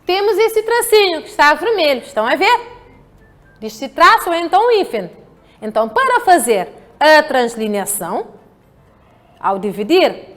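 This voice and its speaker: Woman, European Portuguese accent, schoolteacher, high voice, slow and patient, lively pitch. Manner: slow, patient, checks understanding with rhetorical questions. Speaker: primary school teacher. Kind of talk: lesson for children. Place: home.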